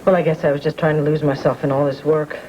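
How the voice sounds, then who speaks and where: An actress playing a worried, earnest newspaper owner in a soap opera, heard from a worn VHS tape copy. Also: female voice, low voice, flat delivery, fast talker, mellow, highs cut off. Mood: anxious. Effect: worn VHS tape copy, hissy. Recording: worn tape with clear hiss.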